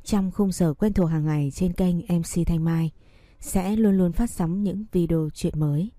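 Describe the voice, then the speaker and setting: A woman's voice: fairly low pitch, a little slow, warm tone, no echo, clean studio sound. A woman hosting a story channel, giving a polite, formal scripted introduction. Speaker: channel host.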